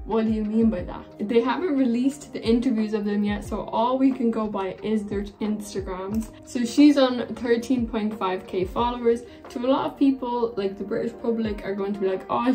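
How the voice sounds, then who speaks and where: A woman's voice: a little high, a little mellow. A woman in her twenties casually gossiping and giving opinions in a reaction vlog. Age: 20s. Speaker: reaction vlogger.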